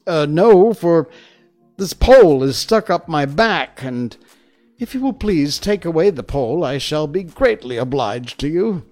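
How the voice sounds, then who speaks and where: A man voicing a friendly, simple straw-stuffed scarecrow come to life in a storybook, husky, polite and earnest. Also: on the high side, animated, measured pace, darkish tone, faint music behind, pitched above the performer's own voice. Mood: polite, cheerful.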